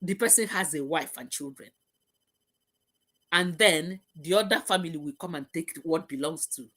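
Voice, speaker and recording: A woman's voice: deep voice, moderate pace, a bit bright. A woman hosting a live talk show, reading out viewer comments and stressing points by repeating them. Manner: emphatic, repeats key phrases.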